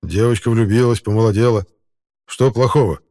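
A male narrator voicing an excitable middle-aged baker who calls out loudly and eagerly in an audiobook. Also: fairly low pitch, a little fast, close to an everyday voice. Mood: weary. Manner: loud, calling out eagerly.

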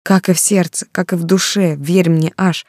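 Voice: medium pitch, level tone, normal speed, a little mellow, no room sound, natural voice. A reader voicing a desperate young woman who pleads through tears, recorded dry and close. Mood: pleading. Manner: pleading, tearful. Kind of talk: audiobook character reading.

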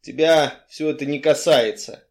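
A male reader playing a sly, gruff crime boss who mocks and blusters when pressed. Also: on the high side, measured pace. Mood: mocking, blustering. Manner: mocking, blustering, evasive.

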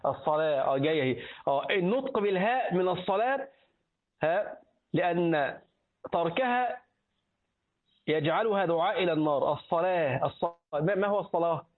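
A man's voice: high-pitched, lively intonation, brisk. A middle-aged man with an Egyptian accent, giving a religious lesson as a sheikh, who repeats words aloud and quizzes his listeners. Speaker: sheikh teaching hadith and jurisprudence. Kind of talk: religious lesson, colloquial explanation. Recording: tinny phone-like recording.

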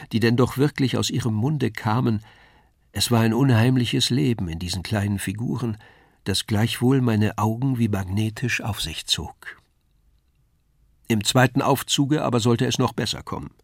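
A man's voice: mid-range voice, vocal fry, no echo. Man reading a story in a dry studio. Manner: measured, storytelling. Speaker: reader. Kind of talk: scripted narration of a novella.

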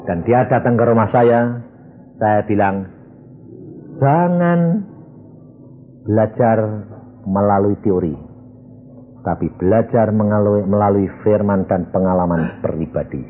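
A man's voice: fairly low pitch, takes it slowly, long pauses. A male pastor preaching a sermon as a story, acting out the dialogue of the people in it. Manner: animated, acts out dialogue in voices. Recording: tinny phone-like recording.

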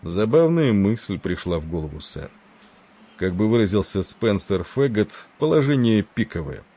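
A man's voice: lowish voice, very animated, moderate pace, mellow. A man voicing a stern, curt male ship captain in an audiobook. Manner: curt and irritable.

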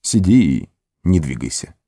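A man's voice: rumbling low, very animated, measured pace, vocal fry, warm tone, no room sound, studio quality, pitched below the performer's own voice, heavily acted. A man voicing Frodo, a stern and resolute young hobbit, in an audiobook. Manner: stern, commanding. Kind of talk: audiobook character voice.

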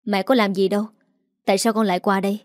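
A woman voicing a scornful middle-aged stepmother, a teacher, who scolds in a haughty, shrill way. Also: little pitch movement, fast, dry recording, clean studio sound, natural voice. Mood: defensive.

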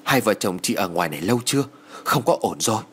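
A man voicing a calm, authoritative elderly male village ritual master in a storybook ghost tale, speaking slowly and soothingly. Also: lowish voice, slightly rough. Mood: grave.

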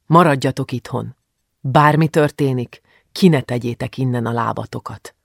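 Brief: male reader doing a protective, commanding father, gruff rumble, dry close sound. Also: no echo. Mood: stern. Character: stern, angry middle-aged father, protective.

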